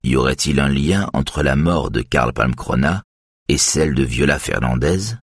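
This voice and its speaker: A man voicing a strict middle-aged male police chief who speaks firmly and loudly. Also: moderate pace, slightly rough, no echo, studio quality, heavily acted. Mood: grave. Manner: strict, booming.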